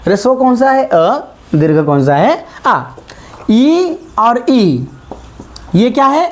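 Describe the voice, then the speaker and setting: A woman's voice: on the high side, very animated. A woman teaching a grammar lesson, stretching out sounds and often checking that students follow. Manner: slow, drawn-out vowels, frequent check-ins. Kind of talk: classroom lesson at a board.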